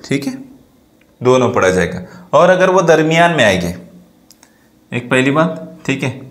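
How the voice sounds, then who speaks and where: Male teacher, mid pitch, self-answering questions, repetitive drilling, roomy echo. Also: sing-song, a little slow. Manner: asks questions and answers them himself, repeats key points. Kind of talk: classroom grammar lesson. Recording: echoey room.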